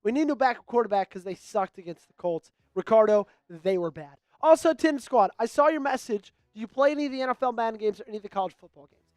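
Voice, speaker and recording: A man hosting a live-streamed sports talk show, upbeat and rattling off shout-outs to viewers. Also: high-pitched, animated, quick pace, no room sound, clean studio sound. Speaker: host.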